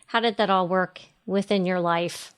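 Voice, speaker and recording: A middle-aged woman hosting a podcast, introducing a guest and asking questions in a measured, deliberate way. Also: fairly low pitch, fairly even intonation, smooth. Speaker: podcast host. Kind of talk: scripted intro and interview questions.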